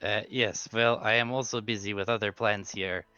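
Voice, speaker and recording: A man acts out a gravelly, brooding schemer in a tabletop role-playing game. He speaks low, in a wary, halting and curt way. The sound is close and dull, with music underneath. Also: fairly even intonation, bright, forceful tone, no echo.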